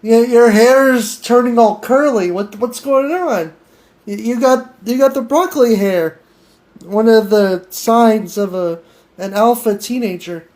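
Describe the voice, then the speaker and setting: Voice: mid-range voice, a little slow, a little mellow. A podcast host chatting casually with an AI, giggling and stammering through restarts. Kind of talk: casual improvised chat with an AI.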